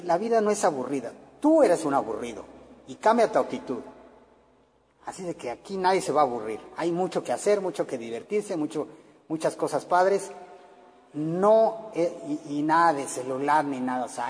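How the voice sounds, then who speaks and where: A man's voice: a little high, lively intonation, moderate pace, a little mellow, in a large hall, slight background noise. A middle-aged man with a Mexican accent, preaching earnestly to parents, with many fillers. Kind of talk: sermon to parents.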